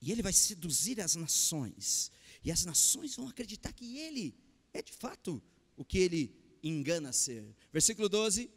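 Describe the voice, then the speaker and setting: A Brazilian man with a Brazilian Portuguese accent preaching a Sunday sermon, calling out questions to the congregation and swinging between loud and hushed. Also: high-pitched, very animated, moderate pace. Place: church hall. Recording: long hall reverb.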